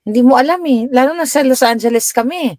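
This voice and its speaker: A middle-aged woman from the Philippines, live streaming from her U.S. home, answers viewers and shares stories about her adult kids, her pitch leaping up when she quotes her own words. She talks fast with a darkish tone. The sound is clean and studio-like, with no room sound.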